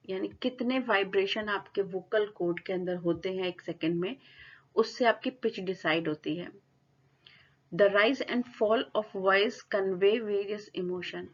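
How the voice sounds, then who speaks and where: Woman teacher, mid pitch, explanatory lecture style, lo-fi recording. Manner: explains in Hindi, reads definitions slowly in English. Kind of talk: classroom lecture.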